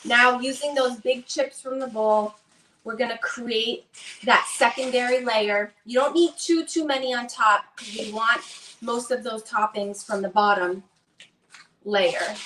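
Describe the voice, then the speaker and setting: Woman, Boston accent, chatty cooking-demo host, bright voice; echoey kitchen, distant mic. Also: fairly high pitch, slight background noise. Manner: upbeat, chatty, talks to viewers while working. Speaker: cooking demonstrator. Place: home kitchen.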